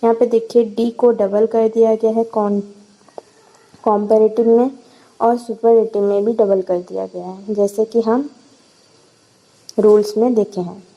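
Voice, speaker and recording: Slow-paced Indian woman teaching. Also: on the high side, little pitch movement, dull audio. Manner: spells out words letter by letter. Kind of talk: grammar lesson.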